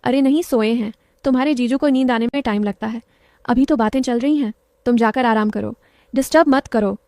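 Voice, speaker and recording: A woman's voice: fairly high pitch, a little fast, mellow, no room sound, clean studio sound, close to an everyday voice. A woman voicing a playful young wife who teases her husband and brushes off her sister. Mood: impatient. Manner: teasing, brushing off questions.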